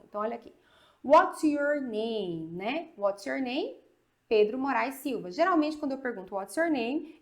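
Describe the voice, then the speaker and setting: Brazilian woman teaching English spelling. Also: fairly high pitch. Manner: slow spelling drills with frequent "tá?" check-ins; speeds up when explaining. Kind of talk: video lesson.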